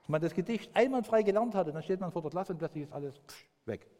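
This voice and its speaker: A man preaching a children's sermon in a church, his fairly high voice swinging widely up and down in pitch. He talks in a lively, storytelling way and acts out the voices of the people he quotes. A long reverb from the hall hangs on each word. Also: rapid-fire. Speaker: pastor.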